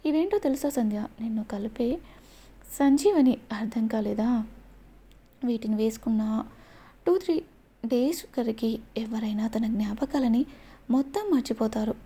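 Brief: a woman storyteller putting on an obsessive young villain, menacing, with a soft husky tone. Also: on the high side, moderate pace, pauses often. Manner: menacing, gloating.

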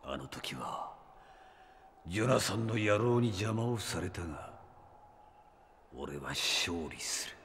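An actor playing an arrogant, megalomaniac immortal villain in a Japanese audio drama, grandiose, theatrical and sneering. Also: male voice, low-pitched, expressive, slow, pauses often, a bit bright, slight background noise, heavily acted. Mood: contemptuous, grandiose.

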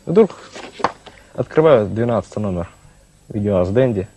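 A young man from Russia giving modest, halting, casual interview answers in a husky voice. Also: fairly low pitch, animated, dark tone, a little hiss or hum, poor audio. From Voronezh, Russia. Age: young adult. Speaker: guest prize winner. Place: small TV studio.

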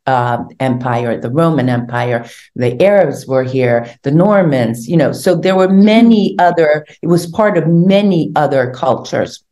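An older woman, born in Hungary, talking animatedly as an interview guest over a video call from her home. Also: low-pitched. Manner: animated storytelling, gesturing with hands. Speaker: guest, tour organizer. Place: home room indoors. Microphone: video call webcam.

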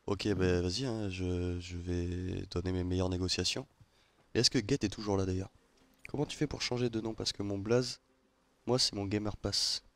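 A man's voice: deep voice, fairly even intonation, a bit bright, no room sound. A man with a French accent chatting casually and joking with friends while streaming a game, swearing often. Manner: fast, rambling, laughs often. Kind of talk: casual gaming chat with friends.

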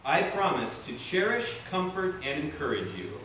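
A young man officiates a wedding in a very echoey church, reading the ceremony aloud. His fairly high voice swings widely in pitch. It sounds far from the mic. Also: very animated, moderate pace. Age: young adult. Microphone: distant camera. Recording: echoey church, distant mic, loud ambient noise.

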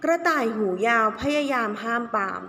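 A woman with a high, bright, pushed voice tells a children's story at a moderate pace, animated throughout. She is a kindergarten teacher who stretches key words for her little listeners. The recording has echo and faint background noise.

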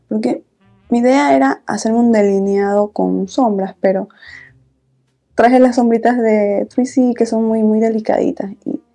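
Woman chatting low n soft while doing makeup, mellow tone, faint music behind. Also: vocal fry. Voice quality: soft-spoken. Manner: soft, low-volume talking, intimate. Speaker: beauty vlogger, host. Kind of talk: casual get-ready-with-me makeup chat. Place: small indoor room, filming setup.

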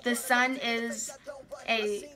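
A woman's voice: fairly high pitch, fairly even intonation, drawn-out words, bright, forceful tone. A teenage young woman reading aloud casually and adding amused, self-deprecating asides. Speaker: vlogger. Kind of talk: casual reading aloud from old journal with commentary. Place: small bedroom, indoors.

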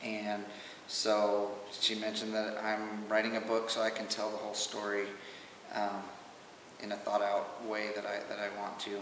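A man speaks in a low, even voice, halting and emotional as he gives a personal testimony at home. It sounds like old home camcorder audio, picked up from across a roomy space with a long reverb tail and a faint hiss underneath. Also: recorded from a distance. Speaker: father giving a personal testimony.

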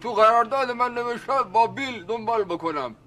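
A high, bright male voice of a pig-headed caretaker in a sitcom. He argues his point stubbornly and won't back down. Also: lively intonation, exaggerated voice. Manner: stubborn, insistent. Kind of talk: sitcom acting.

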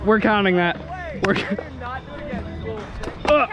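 A man's voice: sits high, expressive, takes it slowly, music in the background, a crowd in the background. A young man filming himself at an outdoor skatepark on an action camera, chatting casually, swearing and laughing at himself. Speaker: scooter rider filming himself. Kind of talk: casual self-filmed vlog commentary. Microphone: action camera on handlebars. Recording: noisy outdoor camera audio.

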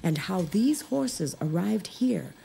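A woman's voice: medium pitch, big pitch swings, slow, gravelly, mellow, slight background noise. A woman reading scripted narration for a nature documentary.

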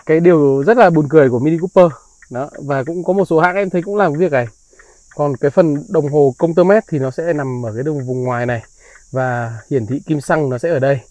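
A man giving a slick, polite used car salesman's walkaround pitch, praising and reassuring as he goes. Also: a little mellow, no room sound, highs cut off. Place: outdoors beside and inside a parked car.

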